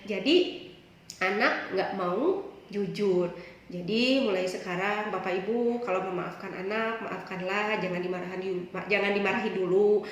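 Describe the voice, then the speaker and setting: A woman giving a parenting seminar to parents, addressing them often and repeating her points with lively stresses. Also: medium pitch, normal speed, dull audio. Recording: very echoey hall with faint hiss.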